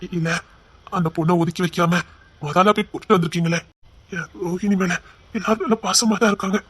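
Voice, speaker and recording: An actor playing an emotional young brother-in-law, speaking with a Tirunelveli accent in a tearful, stammering, affectionate way. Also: male voice, high-pitched, steady tone, quick pace, fairly bright tone, husky. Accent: Tirunelveli Tamil. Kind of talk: web series acting.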